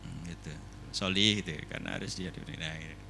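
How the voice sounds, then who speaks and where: A man giving a lively, humorous seminar talk indoors, telling stories and putting questions to the audience. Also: low-pitched, brisk, creaky, slight background noise. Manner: animated storyteller, asks the audience questions. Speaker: seminar speaker.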